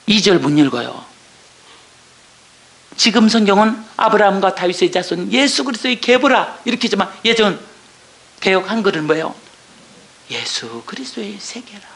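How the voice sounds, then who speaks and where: A woman's voice: mid-range voice, normal speed, long pauses, reverberant. An older woman giving an emotional church testimony, sighing and exclaiming, sometimes dropping to a whisper. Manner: emotional, animated, exclaims and sighs.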